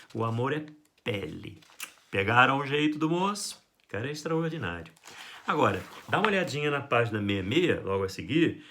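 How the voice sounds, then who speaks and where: Brazilian guy teaching a lit class online, middle voice, playful, jumps around in pitch when he acts stuff out. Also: a bit bright. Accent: Brazilian Portuguese. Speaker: literature teacher. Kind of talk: recorded online class for high school.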